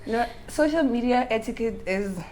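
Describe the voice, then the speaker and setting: A woman's voice: fairly high pitch, normal speed, a little mellow. A woman from South Africa with a South African accent, chatting casually and jokingly as a podcast guest. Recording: roomy echo, faint noise.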